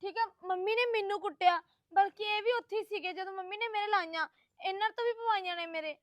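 A woman playing a shrill, pleading young wife. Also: fast talker, a bit bright, dry recording. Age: young adult. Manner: pleading, insistent. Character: young wife insisting she is wronged.

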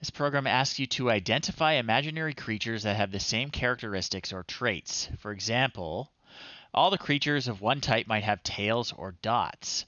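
The host, a middle-aged retro game streamer, has a mid-range, sharp-toned voice captured close on the mic in a small indoor livestream setup. He casually commentates the live game and wryly reads screen text aloud off the cuff. There's no room sound, and the audio is dull.

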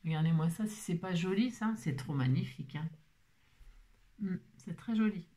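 A woman's voice: lowish voice, normal speed, mellow. A woman vlogging casually while opening craft mail at her table at home, chatty and playful, gushing over every item.

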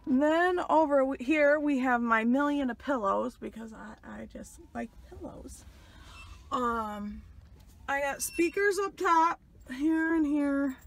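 A woman's voice: high-pitched, takes it slowly, gravelly. A woman in her thirties from New York, chatting casually as she gives a video tour of her truck cab, rambling with lots of fillers, recorded on a handheld phone. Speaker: truck driver vlogger. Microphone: phone camera held in hand.

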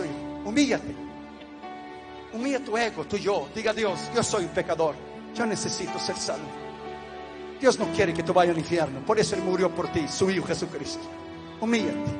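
A man preaching an altar call, pleading with listeners and then praising loudly. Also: high voice, lively intonation, normal speed. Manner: pleading, then exultant and shouting. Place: large church hall. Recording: reverberant hall with music and congregation.

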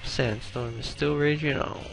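A young man commenting on his own gameplay, excitable and profane, groaning and exclaiming at every setback. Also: mid-range voice, measured pace, vocal fry, faint music behind.

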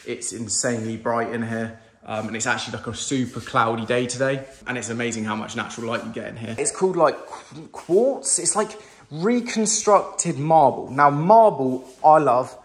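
A man's voice: medium pitch, moderate pace. A young man from England giving a casual, enthusiastic tour of his renovated house, filming by hand while walking through a large kitchen. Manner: chatty, enthusiastic, casual slang. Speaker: home renovation vlogger. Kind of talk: casual home tour narration. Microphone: handheld phone camera, filming first-person while walking.

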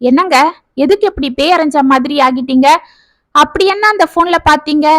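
A woman's voice: high-pitched, normal speed, a bit bright, dry recording, studio quality. A woman voicing a middle-aged mother who talks in a scolding, outraged way.

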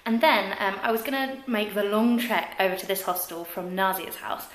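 A woman's voice: mid-range voice, moderate pace, fairly bright tone, no echo, rough recording. A young woman in her twenties talking to a handheld camera at arm's length, chatty and upbeat, laughing often as she vlogs through her travel day. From England. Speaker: travel vlogger. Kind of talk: casual vlog. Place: city streets and buildings, indoors and out.

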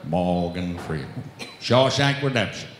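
A man's voice: sits low, lively intonation, measured pace, a little hiss or hum, voice pushed down. Switching celebrity impression voices, echoey stage. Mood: drawling, dry. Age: middle-aged. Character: parade of gruff and swaggering male celebrity caricatures. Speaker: comedy impressionist. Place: theatre stage, indoors. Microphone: handheld microphone. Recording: echoey stage PA with music behind.

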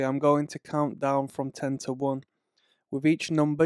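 A man reading a slow, soothing guided relaxation and hypnosis script in a measured way. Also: mid-range voice, darkish tone, clean tone, dry recording, studio quality.

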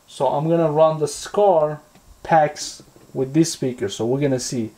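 This higher-voiced man, a vlogger, reviews a product casually and hands-on at a tabletop indoors. The tone is dark, and his speech stops and repeats as he works things out aloud.

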